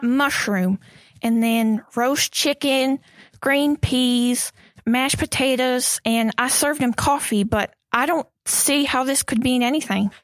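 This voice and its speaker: A woman voices a prim, fluttery housewife in a vintage radio mystery, pitched high. She speaks slowly and properly, with a dry, close sound. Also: no echo. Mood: shaken. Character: prim middle-aged housewife, nervous hostess. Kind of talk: 1940s radio drama acting.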